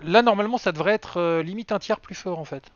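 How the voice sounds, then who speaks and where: Streamer, homme, voix haute et nette, parle en vrac, son sec. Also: male voice, high voice, fast talker, no room sound. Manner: rambling, self-mocking, many fillers. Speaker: game streamer. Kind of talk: casual live-stream chat. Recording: dry, slightly dull lo-fi sound.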